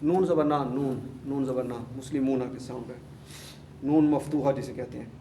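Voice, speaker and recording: A man's voice: mid-range voice, steady tone, warm tone. Man teaching grammar in an echoey room. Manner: repeats word forms, drills students with questions. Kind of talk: classroom lesson. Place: classroom. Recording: echoey room, mic far off, faint hum.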